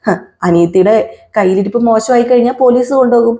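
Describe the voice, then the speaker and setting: A woman's voice: a little high, fast, dark tone, natural voice. A woman voicing a spiteful, scheming young woman who scoffs and sniffs with scorn. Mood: scornful.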